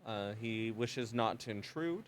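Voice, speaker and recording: A man's voice: fairly low pitch, animated, a little slow. A man acting as game master, describing a tabletop scene in a hesitant way full of fillers.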